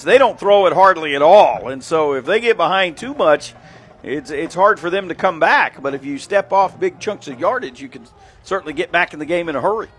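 Male radio play-by-play announcer, high and bright, excitable on long runs. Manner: rapid excited calls of plays, counting yard lines. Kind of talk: local radio football commentary.

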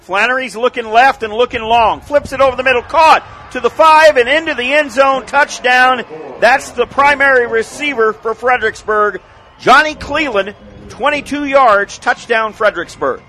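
An American man doing live football play-by-play, calling a touchdown excitedly with his voice rising. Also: very high voice, normal speed, a little hiss or hum, poor audio. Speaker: play-by-play sports announcer. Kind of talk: live American high school football commentary.

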